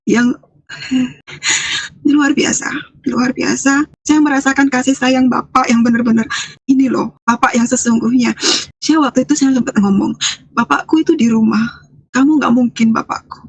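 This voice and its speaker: Interview guest, woman from Lampung: breathy tone, emotional first-person testimony with many restarts. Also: high voice. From Lampung, Indonesia. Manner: hesitant, restarts and repeats phrases often; earnest, emotional storytelling. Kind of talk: personal testimony, casual speech.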